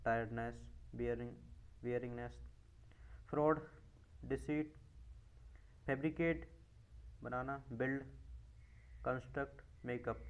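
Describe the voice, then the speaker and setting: Slow, deliberate Indian man reading word lists. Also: mid-range voice, steady tone, clear, resonant tone, poor audio. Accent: Indian English. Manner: slow, drawn-out listing of words, quick asides in Hindi. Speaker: exam vocabulary teacher.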